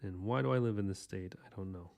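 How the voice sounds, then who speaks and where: Rambling man in his thirties, warm low voice. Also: quick pace, gravelly. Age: 30s. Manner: rambling, loose and chatty, lots of fillers and restarts. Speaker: artist hosting a drawing podcast. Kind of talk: casual drawing tutorial while sketching.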